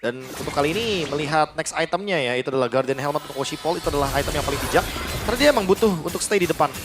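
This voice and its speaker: High-voiced Indonesian male esports analyst. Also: lively intonation, rapid-fire, music in the background. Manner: mixes in English gaming jargon. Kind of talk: live mobile game match commentary.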